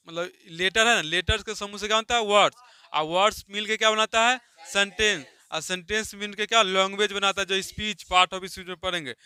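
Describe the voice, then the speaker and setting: Bright, crisp-voiced teacher man. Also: high voice, no room sound. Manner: asks questions and answers them himself. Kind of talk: classroom lesson.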